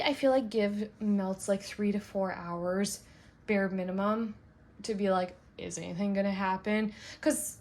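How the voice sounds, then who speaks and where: A woman who makes and sells wax melts, reviewing scents in a chatty, rambling way full of fillers and bubbly excitement. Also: medium pitch. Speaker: wax melt maker and shop owner.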